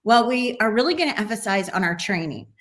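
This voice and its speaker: A woman's voice: mid-range voice, lively intonation, brisk, a bit bright. A woman who owns a travel agency, speaking earnestly as a guest in a casual video interview.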